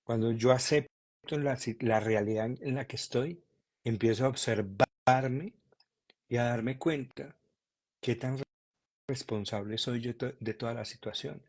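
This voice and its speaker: A man talking calmly and earnestly as a podcast guest, searching for words as he goes. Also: medium pitch, unhurried. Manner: calm, earnest, repeats himself while searching for words. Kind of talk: reflective conversation.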